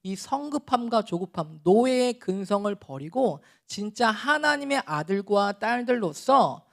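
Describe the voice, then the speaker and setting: A middle-aged man preaching a sermon as a pastor, talking in a relaxed, conversational way with chuckles and acted-out scolding. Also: high-pitched, measured pace, vocal fry.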